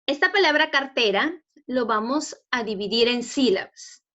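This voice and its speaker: A woman with a Peruvian Spanish accent teaching a spelling lesson to students, explaining patiently and checking understanding with quick questions. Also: on the high side, lively intonation, a bit bright. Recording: dull lo-fi recording.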